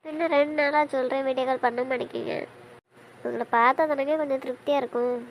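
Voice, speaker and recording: A frantic, high-voiced young wife. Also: female voice, fairly even intonation, quick pace, a little hiss or hum, poor audio. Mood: pleading. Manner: pleading, emotional, insistent. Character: young wife frantic over her husband's injury. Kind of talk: audio drama acting.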